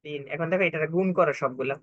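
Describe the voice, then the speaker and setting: A man's voice: fairly high pitch, fast talker, dry recording, highs cut off. A young man tutoring a math lesson step by step, patient and repetitive, often checking that his students understand.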